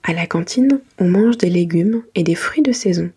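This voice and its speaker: A woman narrates a children's bedtime book in a very breathy, mostly whispered ASMR voice. Her pitch sits a little low. She reads gently and carefully, as if to young children. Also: expressive, normal speed. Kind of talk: soft whispered ASMR bedtime story reading.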